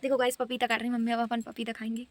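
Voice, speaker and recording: A woman's voice: fairly high pitch, completely flat delivery, racing. A young woman who is unwell, chatting playfully in a casual home vlog, laughing often. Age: young adult. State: unwell with a fever. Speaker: vlogger. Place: family home, indoors and outdoors.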